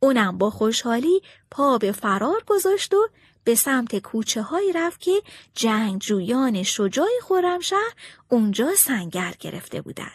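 Expressive high-voiced woman storyteller. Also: slightly rough, no echo, clean studio sound. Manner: expressive reading aloud. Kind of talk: storybook narration.

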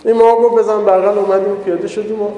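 A man giving an informal talk and telling jokey anecdotes. He slips into animated impressions of the people in his stories. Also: high voice, highs cut off, a little hiss or hum. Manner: storytelling, jokey, animated quoting of others. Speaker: speaker giving a public talk. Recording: echoey hall with long reverb.

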